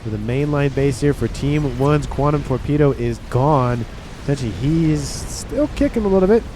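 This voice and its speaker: This caster's voice is medium in pitch and moderately paced, thick and nasal from a cold, with a noisy background behind it. He's loosely commentating a strategy game and rambling on to his viewers in an easygoing way.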